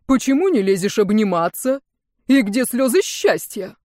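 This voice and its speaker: A woman's voice: a little high, sing-song, normal speed, a little mellow, dry recording, studio quality. A woman reading a storybook, voicing a cheeky young male cat familiar with a lazy, teasing drawl. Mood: mock-offended.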